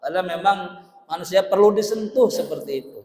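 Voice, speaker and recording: High-voiced man preaching in an echoey hall. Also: a little fast. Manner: animated storytelling, acting out dialogue, laughing often. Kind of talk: dawn mosque sermon. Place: mosque.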